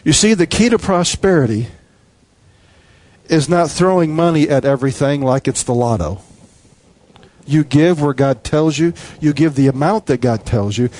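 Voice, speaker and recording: A man delivers a sermon in a voice slightly higher than most men's, pounding repeated phrases with an emphatic cadence. He keeps a moderate pace, and his tone is darkish.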